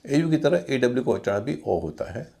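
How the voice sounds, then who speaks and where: A man teaching English pronunciation, slowly spelling out words letter by letter and repeating each one. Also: medium pitch, lively intonation, vocal fry, dark tone.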